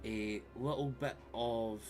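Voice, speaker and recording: Over music, a Scottish game master talks slowly in a steady, mid-range voice through a live stream mic. He's running a tabletop game, full of jokey banter and frequent swearing ahead of a recap.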